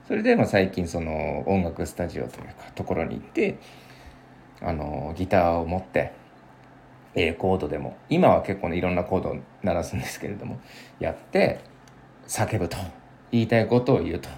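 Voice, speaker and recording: A young man in his twenties chatting alone in a casual, rambling way, with many fillers and sudden lively bursts. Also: low voice, fairly quick, creaky, a little hiss or hum. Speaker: podcast host. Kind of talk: casual solo chat.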